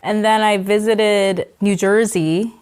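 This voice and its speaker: A woman's voice: medium pitch, fairly even intonation, slow, a little mellow, clean tone. Chatty woman, full of "like". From South Korea. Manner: chatty, laughing often, heavy use of "like". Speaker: guest, comedian and author. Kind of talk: casual interview conversation.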